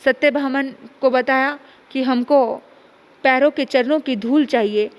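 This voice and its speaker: A woman's voice: high-pitched, measured pace, long reverb tail. A woman preacher telling a devotional story with emphatic, dramatic delivery.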